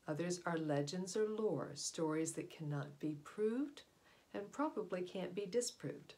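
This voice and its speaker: In a small room at home, in front of wooden doors, a middle-aged woman reads a children's nonfiction book aloud as a storyteller. Her lowish voice carries deliberate, expressive emphasis and explanatory asides, picked up by a camera or device mic at about arm's length.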